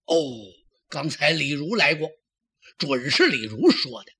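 A man's voice: on the high side, big pitch swings, measured pace, sharp tone, breathy edge, no room sound, studio quality, exaggerated voice. A man voicing a tearful, cunning young concubine who pleads and protests in a traditional storytelling performance. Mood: alarmed.

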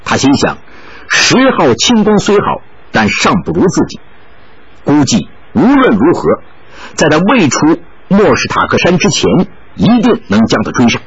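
Guy reading a kung fu novel, storyteller vibe, animated voice, kinda muffled. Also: fairly high pitch, normal speed. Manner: expressive storytelling. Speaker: audiobook narrator. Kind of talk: storyteller narration of a martial-arts novel.

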